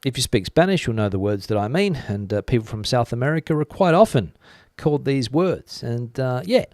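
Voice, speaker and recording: Hosting a live stream, a man chats conversationally about the news, reading out viewer comments and musing in reply. His medium-pitched, slightly mellow voice has lively intonation and moves a little fast. The sound is clean studio audio with no echo.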